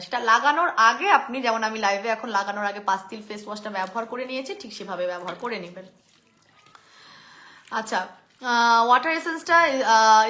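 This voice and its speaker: A woman's voice: on the high side, pushed and bright. A young woman hosting a live shopping stream on her phone, chatting through skincare prices and answering viewers. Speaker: online skincare seller.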